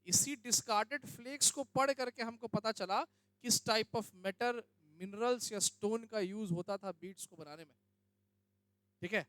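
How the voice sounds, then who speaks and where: A man's voice: high-pitched, unhurried, a bit bright, clear, resonant tone, dry recording. A young male teacher giving a classroom lecture, often asking students questions and checking that they understand. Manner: questions students, addresses them as beta.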